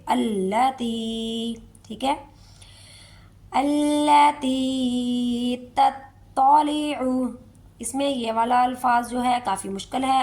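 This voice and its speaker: Lady tajweed teacher, kinda high voice w gravelly edge, keeps asking "okay?". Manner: checks in often with a rising "okay?", repeats each word slowly. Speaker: Quran recitation teacher. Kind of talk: tajweed lesson, explaining rules then reciting verses slowly.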